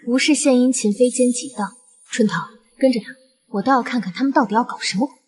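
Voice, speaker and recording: Actress as high-voiced, shrewd young noblewoman. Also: fast talker, a little mellow, slight background noise, lightly acted. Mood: suspicious. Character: shrewd, unflappable young noblewoman plotting her revenge. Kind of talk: Chinese costume short-drama acting.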